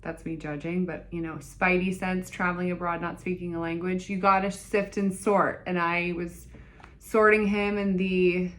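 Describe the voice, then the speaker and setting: A woman's voice: on the low side, level tone, moderate pace, fairly bright tone. A young woman vlogging, telling a story in a blunt, jokey way and acting out the dialogue. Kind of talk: casual storytelling vlog.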